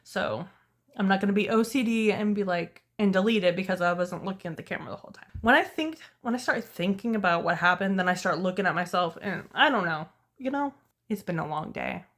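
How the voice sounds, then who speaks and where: A woman's voice: medium pitch, creaky. A young woman, talking candidly to camera in a casual storytime vlog, tired and losing her voice. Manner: candid, rambling, self-deprecating. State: tired, voice going hoarse. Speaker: vlogger.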